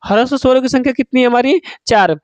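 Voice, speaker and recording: High-voiced man teaching Hindi grammar. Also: fast talker, no room sound. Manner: asks students questions and answers them himself; calls students "babu", repeats key points. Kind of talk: online exam-prep class.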